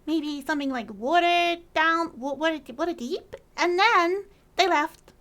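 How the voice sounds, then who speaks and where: A woman's voice: very high voice, measured pace, fairly bright tone. A woman playing a flustered little cafe owner. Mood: rambling. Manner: nervous, rambling, blunt.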